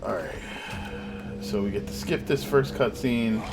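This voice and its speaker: A man casually commenting while playing a game, relaxed and thinking aloud. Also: lowish voice, unhurried. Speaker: gameplay streamer. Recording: voice over game audio and music. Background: game music.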